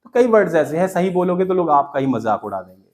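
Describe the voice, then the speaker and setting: A man's voice: fairly high pitch, very animated, fast talker, darkish tone. A middle-aged man with an Indian accent teaching English in a class, chatty and scolding with jokes. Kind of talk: classroom lecture.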